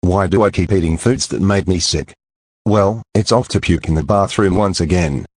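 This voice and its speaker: A man doing a low husky grumpy staffer. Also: normal speed, a little mellow, no room sound. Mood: grumbling.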